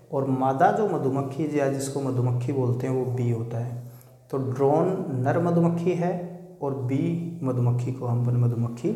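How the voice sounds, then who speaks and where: A man's voice: medium pitch, mellow. A man teaching an exam-prep grammar lesson, explaining patiently and checking in with his students. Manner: explanatory, repeats points, checks with "ठीक है". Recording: echoey room with long reverb.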